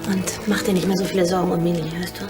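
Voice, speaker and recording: An actress playing a caring, insistent confidante in a TV drama, speaking earnestly and practically. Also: female voice, on the low side, level tone, fast talker, close to an everyday voice. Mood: reassuring. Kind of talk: TV drama acting. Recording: clear music bed under dialogue.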